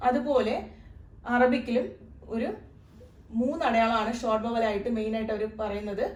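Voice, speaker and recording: A woman's voice: a little high, darkish tone. A woman teaching a beginners' Arabic lesson, patiently explaining and repeating each sound. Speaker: Arabic tutor. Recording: echoey room, voice from a distance.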